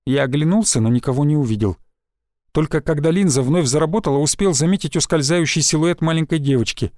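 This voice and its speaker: A man reading a first-person audiobook in a steady, even storytelling manner. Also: fairly high pitch, fast, no room sound, clean studio sound. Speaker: audiobook narrator. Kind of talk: scripted first-person narration.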